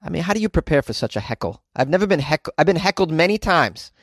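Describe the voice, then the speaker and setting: A man hosting a comedy podcast from inside a closet, riffing in an animated, caffeinated, goofy way and repeating phrases for effect. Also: a little high, quick pace, no echo, studio quality. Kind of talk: comedic news commentary and rambling monologue.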